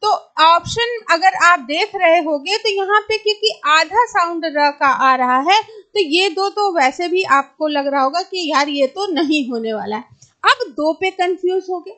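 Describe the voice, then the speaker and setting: A woman teaching an exam-prep grammar lesson, patiently repeating each word slowly and asking and answering her own questions. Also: very high voice, lively intonation, bright, forceful tone.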